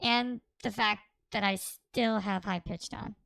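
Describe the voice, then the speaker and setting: A man streaming live, his voice pushed through a high-pitch voice changer that makes it squeaky and morphing. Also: steady tone, slow, creaky, sharp tone, no echo, heavily acted. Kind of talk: casual live-stream chat.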